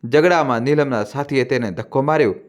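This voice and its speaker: A man voicing a sorrowful, secretive old man who speaks slowly and gravely in a hushed voice. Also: mid-range voice, lightly acted.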